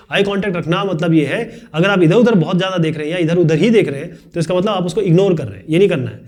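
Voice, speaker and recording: A man with a fairly high voice teaches a tutorial at a brisk clip. He talks chattily, explaining points through everyday examples and throwing in light asides along the way. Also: a little mellow. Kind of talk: fast-paced Hindi tutorial lecture.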